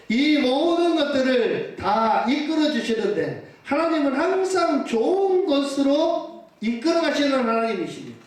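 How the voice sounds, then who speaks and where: A male pastor preaching a sermon. He questions his congregation and answers himself, and urges them to say amen. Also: very high-pitched. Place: church sanctuary. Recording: echoey church hall from far off.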